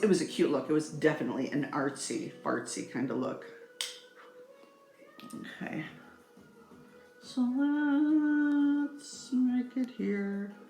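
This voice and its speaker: Her voice is bass-low and creaky as this middle-aged woman hosts a rambling, playful makeup tutorial. She speaks directly to viewers in a chatty way, in an echoey room with faint music.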